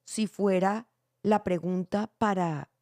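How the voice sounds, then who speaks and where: Gravelly-voiced animated woman podcast host. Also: medium pitch, takes it slowly, no room sound, studio quality. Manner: animated, acts out quotes with shifting voices. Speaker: podcast host and church theater director. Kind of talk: casual family podcast chat.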